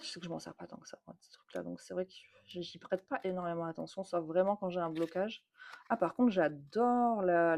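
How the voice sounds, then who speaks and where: A French woman chats casually through a tarot deck unboxing. Her voice sits a little low, and she repeats words and fills pauses with euh as she goes. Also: creaky, darkish tone. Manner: chatty, repeats words, many fillers. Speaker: tattoo artist and tarot channel host.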